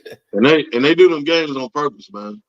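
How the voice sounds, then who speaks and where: A man co-hosting a casual chat, his voice hoarse, raspy and strained, nearly gone. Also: a little high, animated, fairly quick, dull audio, over a noisy crowd. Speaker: podcast co-host. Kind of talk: casual chat among friends.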